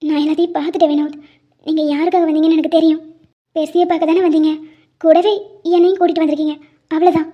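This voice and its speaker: A woman voicing a young wife in an animated drama, hurt and pleading with quiet bitterness. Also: very high-pitched, rapid-fire, pauses often. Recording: dull lo-fi sound.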